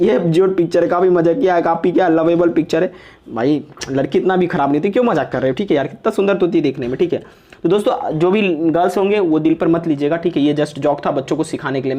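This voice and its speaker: A man's voice: a little high, dark tone, muffled recording. A young man teaching English vocabulary in a casual, chatty online lesson, joking and saying "okay" after nearly every phrase. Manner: chatty, repeats "okay" constantly, jokes and teases.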